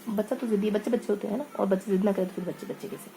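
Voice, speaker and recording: A woman's voice: mid-range voice, very fast, creaky, dark tone, a little hiss or hum, rough recording. A woman teacher giving an online exam-prep lesson, telling motivational stories in a chatty way and often adding tag questions. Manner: conversational, frequent tag questions; motivational storytelling.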